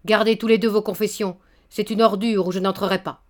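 A woman's voice: mid-range voice, fairly quick, darkish tone, lightly acted. A woman reading aloud, voicing a proud old male baron who scolds a young man indignantly and stammers in his anger. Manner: indignant, stammering then thundering.

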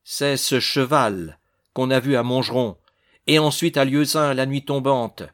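A man's voice: medium pitch, a little slow, a bit bright, close to an everyday voice. A man voicing a stern male judge who questions a suspect severely, with a raised, insistent voice.

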